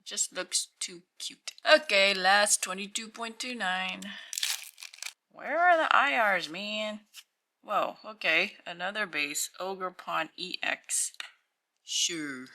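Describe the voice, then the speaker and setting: Her croaky morning voice is lowish, pushed and bright as this channel host opens card packs at an indoor tabletop. She offers slow, musing hands-only unboxing commentary and reads out weights.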